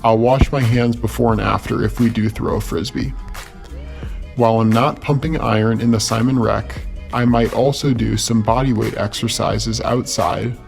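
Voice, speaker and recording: A jolly big-bellied mascot creature speaks through a voice changer, played by a man. The disguised voice has a gravelly, crackly grain at an ordinary middle pitch. He keeps things upbeat and jokey. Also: fairly even intonation, normal speed, a little mellow, faint music behind. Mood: cheery. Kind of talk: scripted campus safety video.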